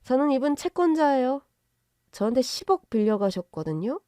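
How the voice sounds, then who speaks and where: A woman's voice: high-pitched, very animated, moderate pace, warm tone, no room sound, pitched above the performer's own voice. Woman voicing a sarcastic creditor, dry delivery, mocking, audio story. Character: cool sarcastic adult creditor.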